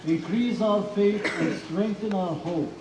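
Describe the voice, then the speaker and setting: A minister reads solemn funeral intercessions as liturgical prayer, his high-pitched voice unhurried. The recording has a roomy, distant pickup with clear background noise.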